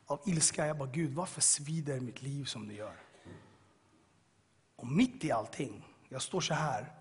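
A man giving a personal testimony to an audience, telling his story dramatically, swinging between loud bursts and hushed moments. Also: high-pitched, husky. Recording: long hall reverb.

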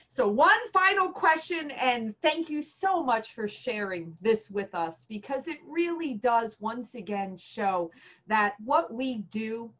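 A woman's voice: fairly high pitch, fairly bright tone, highs cut off. A woman interviewing a guest, gushing with praise and encouragement. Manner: effusive, encouraging, repeats praise. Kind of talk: warm interview chat.

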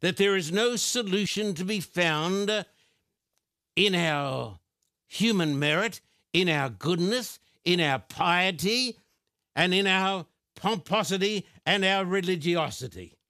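A man preaching a televised sermon from a studio, reading scripture slowly and deliberately and speaking directly to his viewers. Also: sits high, expressive, bright, forceful tone, no echo. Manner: slow, deliberate, emphatic, addresses viewers directly.

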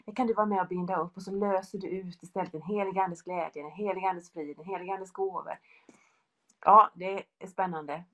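A woman's voice: on the low side, fairly even intonation, a bit bright. Brief: middle-aged woman, fervent devotional speaker, earnest and repetitive. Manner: earnest, repetitive, builds in lists.

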